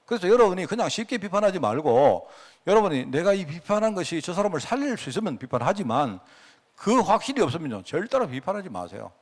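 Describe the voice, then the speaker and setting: A middle-aged Korean pastor with a Gyeongsang accent gives a sermon in a chatty, homespun style. He keeps turning to his listeners for agreement. His fairly high voice swings widely up and down. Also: sing-song, fast talker. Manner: conversational, folksy, asks the congregation for agreement.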